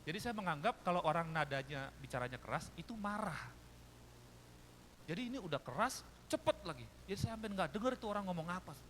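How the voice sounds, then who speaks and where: Jakarta guy preaching, betawi accent, high voice that swings all over, bit of hiss. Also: quick pace. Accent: Betawi Jakarta Indonesian. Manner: lively storytelling, acts out voices of others. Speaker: pastor. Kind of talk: sermon.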